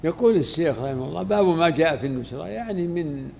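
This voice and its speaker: A man teaching as a sheikh, explaining a religious text slowly and pausing to repeat words as he finds them. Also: a little high, lively intonation, gravelly, dark tone, slight background noise.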